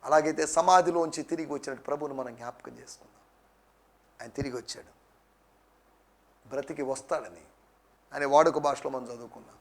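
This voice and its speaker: A man's voice: medium pitch, fairly even intonation, brisk, long pauses. A male pastor preaching a sermon with emphatic repetition, slipping into English phrases now and then. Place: church TV program.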